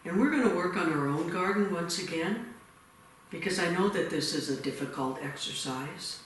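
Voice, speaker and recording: A man guiding a meditation in a retreat room, giving slow, soft-spoken instructions. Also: fairly high pitch, animated. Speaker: meditation leader. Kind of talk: guided meditation. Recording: echoey room, distant mic, faint hiss.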